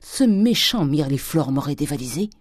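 Reader doing a raging old miser father, wild swings, husky. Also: medium pitch, expressive, normal speed, no room sound, clean studio sound, close to an everyday voice. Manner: thundering, swinging from shouts to hissed whispers. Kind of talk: audiobook character reading.

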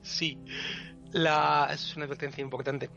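A man's voice: on the high side, level tone, measured pace, gravelly, bright, forceful tone, dull audio, soft background music. A man patiently explaining pronunciation rules on a podcast, spelling out syllables one by one. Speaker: podcast co-host teaching Elvish pronunciation.

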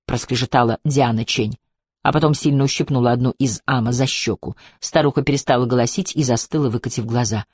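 A man reading a novel aloud as an audiobook narrator, in a measured, even manner. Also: medium pitch, no echo. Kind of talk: scripted narration.

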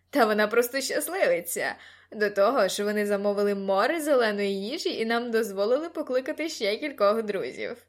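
A woman reading an audiobook, voicing a loud, boisterous teenage boy at a party who tells crude jokes and shouts over the noise. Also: mid-range voice, close to an everyday voice.

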